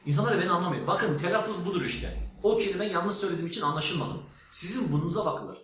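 A man gives an emphatic, teacherly spoken lesson and says words aloud to show how they sound. His voice sits a little high. It rings in a very echoey room over a faint hiss. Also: quick pace, a bit bright. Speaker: English teacher.

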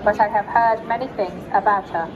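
Synthetic female humanoid robot, mid-pitched, formal and measured, recorded on a noisy expo floor. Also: steady tone, lo-fi sound. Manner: formal, measured phrasing without contractions. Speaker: interviewee. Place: busy tech expo hall. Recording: loud crowd and music behind.

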